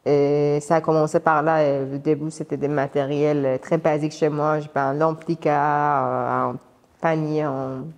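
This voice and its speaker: A woman's voice: low-pitched, level tone, normal speed, darkish tone. A woman in her thirties from Iran, speaking as an artist being interviewed, hesitant and searching for words. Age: 30s. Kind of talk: casual interview. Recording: reverberant hall.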